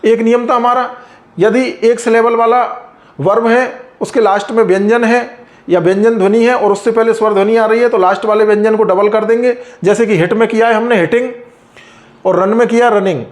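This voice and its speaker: Guy, pretty high voice, teaching grammar, patient, drags out the example words slow. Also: steady tone. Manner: patient, repeats and stresses example words slowly. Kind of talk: explaining a lesson.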